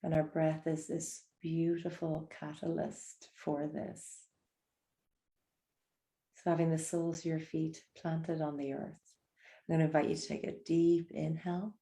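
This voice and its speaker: Low, gravelly woman guiding a meditation. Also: flat delivery. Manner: soft, slow and soothing, gentle invitations. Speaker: meditation guide. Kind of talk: guided breathing meditation.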